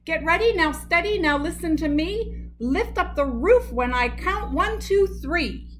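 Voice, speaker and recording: A woman voicing a bossy male moose who barks orders and complains loudly, in a storybook read-aloud. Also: extremely high pitch, sing-song, measured pace, slight background noise, voice pushed up, full character voice. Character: bossy bull moose, demanding and whiny.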